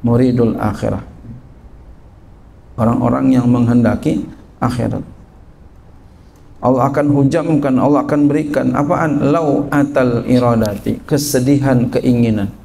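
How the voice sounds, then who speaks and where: Middle-aged male religious teacher, mellow gravelly voice, explaining a kitab in casual, animated talk. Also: mid-range voice, unhurried, long pauses, slight background noise. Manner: reads Arabic text then explains it in lively colloquial speech. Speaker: Islamic teacher. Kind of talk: kitab study lesson.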